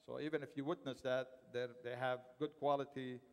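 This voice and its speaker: A man's voice: mid-range voice, flat delivery, brisk, clean tone. Man reading a sermon in a reverberant mosque. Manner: reads aloud from paper, with restarts and self-corrections. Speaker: sermon translator. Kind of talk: reading a translated Friday sermon. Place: large mosque prayer hall, indoors. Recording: long hall reverb in a mosque.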